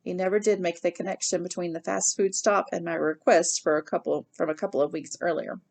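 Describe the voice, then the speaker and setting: A woman reading a novel aloud in the first person, with lively, expressive storytelling. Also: fairly low pitch, fairly quick, gravelly. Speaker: reader.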